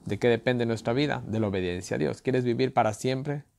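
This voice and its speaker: A man's voice: mid-range voice, brisk, creaky, darkish tone, dry recording. Man teaching a Bible study, dry close mic. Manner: reads scripture aloud with rising emphasis, then comments conversationally; tells anecdotes with tag questions and light laughs. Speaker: preacher.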